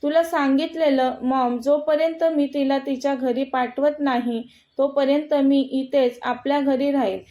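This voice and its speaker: A young man with a quick temper in a storybook reading, voiced by a woman narrator. His lines come out sharp and demanding in her own high voice. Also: fairly even intonation, highs cut off. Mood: angry. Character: angry young man, hot-tempered son.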